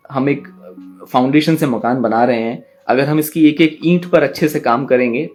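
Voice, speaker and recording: Man slowly spelling out syllables in class. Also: medium pitch, darkish tone. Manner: slow, drawn-out syllable demonstrations; explains patiently, addresses students directly. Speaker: poetry teacher. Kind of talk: online class lesson.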